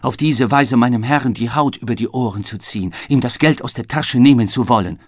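Man playing an excitable loyal manservant. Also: mid-range voice, a little fast, dry recording, natural voice. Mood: indignant, excited. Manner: indignant, exclamatory outbursts. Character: excitable loyal French manservant, male adult.

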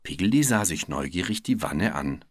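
A man reading a children's story aloud with lively, expressive narration. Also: sits low, normal speed, slightly rough, no echo, studio quality.

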